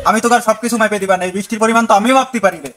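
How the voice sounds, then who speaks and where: High-pitched boastful man in a village skit. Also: steady tone, very fast, noisy background. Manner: boastful, loud and teasing. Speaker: comedian in village sketch. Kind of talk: scripted village comedy skit.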